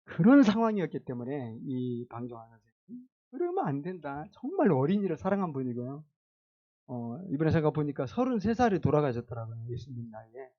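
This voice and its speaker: A man's voice: medium pitch, very animated, a little fast, lo-fi sound. A male pastor preaching a sermon in a casual, conversational way, asking the congregation questions and chuckling now and then.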